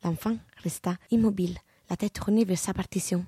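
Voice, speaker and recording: A woman narrating a literary novel in a measured, even reading voice. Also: fairly low pitch, breathy edge, dry recording, studio quality.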